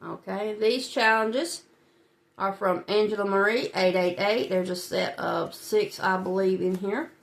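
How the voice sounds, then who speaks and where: Her voice sits at medium pitch, steady and creaky, and she talks a little slowly. A budgeting host with a head-cold stuffiness, she chats with her audience and laughs lightly as she fills in savings challenges.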